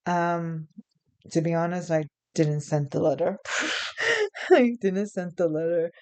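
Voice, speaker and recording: A young adult vlogger from New York tells a story in a lowish, smooth, expressive voice, taking her time. She rambles and chuckles, using plenty of fillers and correcting herself.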